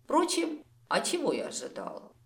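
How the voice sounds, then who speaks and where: A woman reading a first-person fantasy audiobook aloud in a wry, expressive way, recorded at home. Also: low-pitched, moderate pace, reverberant. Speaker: audiobook reader.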